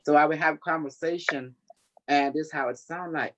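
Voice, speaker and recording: A man's voice: fairly high pitch, fairly even intonation, moderate pace, a bit bright, highs cut off. A man with a Cambodian accent talking casually as a spiritual teacher, in non-native English with dropped verbs and endings. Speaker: spiritual teacher leading a group call.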